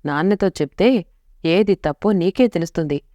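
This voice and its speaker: A woman's voice: fairly low pitch, moderate pace, mellow, no room sound, studio quality, natural voice. A woman voicing a teasing, possessive young man in a story, speaking in a mocking, curt way.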